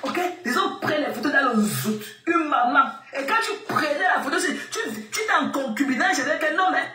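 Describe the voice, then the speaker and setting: A woman ranting on a live stream, scolding and mocking her critics with repeated questions and frequent shouting. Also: sits high, expressive, a little fast, a little hiss or hum. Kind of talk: angry live-stream rant. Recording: roomy sound from a distance off the mic.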